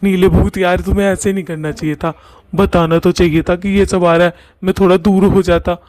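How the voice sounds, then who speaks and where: A man's voice: sits high, little pitch movement, fairly quick, a little mellow, no room sound, close to an everyday voice. A man voicing a squeamish, gossipy male ghost in a cartoon. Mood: disgusted. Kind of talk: cartoon voice acting.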